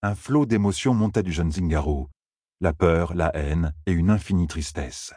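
A man reading an audiobook aloud in an expressive storytelling manner. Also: low-pitched, moderate pace, breathy edge, no room sound, studio quality. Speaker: audiobook narrator. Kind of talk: scripted narration.

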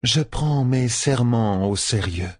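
A man voicing a stern, terse foreign woman warrior in an audiobook, speaking slowly and gravely in a hushed tone. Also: mid-range voice, lively intonation, dry recording, clean studio sound, voice pushed up. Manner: slow, weighty, hushed delivery. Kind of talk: audiobook character voice.

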